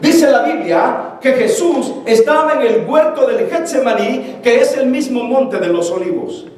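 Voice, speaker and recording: High-voiced pastor in an echoey hall. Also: male voice, measured pace. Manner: animated storytelling, acting out dialogue. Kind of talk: sermon. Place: church. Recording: echoey church hall from far off.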